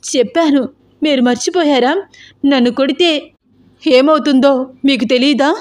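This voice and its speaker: A woman voicing a scheming middle-aged wife who wails and shouts accusations in a spoken story. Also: normal speed, close to an everyday voice. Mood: scared pleading. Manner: shrill, wailing, accusing. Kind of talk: storybook acting.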